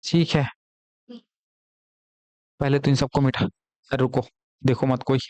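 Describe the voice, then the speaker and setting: A man's voice: mid-range voice, little pitch movement, slow pace, a little mellow, no room sound. A man teaching a live online exam-prep class from a classroom, with a Chhattisgarh Hindi accent, explaining patiently, repeating key words and asking students questions.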